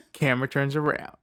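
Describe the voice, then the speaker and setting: A man co-hosting a podcast in casual chat, an animated joker who teases the others. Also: mid-range voice, clean tone. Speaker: podcast co-host.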